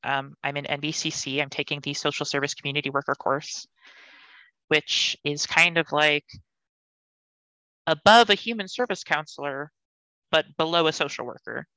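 A woman's voice: deep voice, moderate pace, pauses often, pushed and bright, dry recording, rough recording. A young woman in her late teens, a podcast guest, talking earnestly and thoughtfully. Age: young adult. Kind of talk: casual conversational interview.

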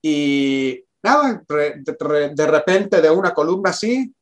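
A man telling a personal anecdote in conversation, animated, acting out quoted dialogue and often restarting his sentences. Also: a little high, unhurried. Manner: animated storyteller who acts out quoted dialogue, frequent restarts.

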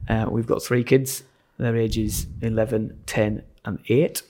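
A middle-aged man from Sunderland with a softened Sunderland, generic North East English accent, chatting informally and explaining things as an interview guest. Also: lowish voice, level tone, unhurried. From Sunderland, North East England. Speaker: pastor, podcast guest. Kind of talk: casual interview conversation.

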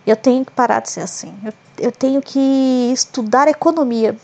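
A woman's voice: sits high, moderate pace, creaky, darkish tone, lo-fi sound. Chatty joking woman podcaster. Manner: chatty and joking, with ironic asides. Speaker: podcast host. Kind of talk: casual solo podcast chat.

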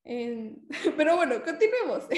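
A woman's voice: high-pitched, sing-song, takes it slowly. A woman co-hosting a podcast in casual chat, with a playful, giggly, self-deprecating manner. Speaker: podcast co-host. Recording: roomy, echoing room sound.

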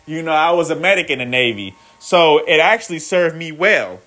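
A man in his thirties talks loosely to his viewers in a profane motivational vlog. He rambles, repeats himself, and keeps calling them "guys". His voice sits a little high for a man. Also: lively intonation, normal speed, sharp tone. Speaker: vlogger. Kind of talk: casual motivational monologue.

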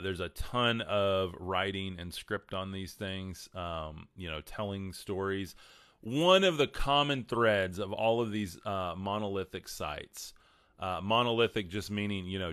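Low, smooth West Texas twang, male. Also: a bit bright, dry recording, clean studio sound. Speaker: livestream host. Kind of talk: casual livestream talk, answering viewer questions.

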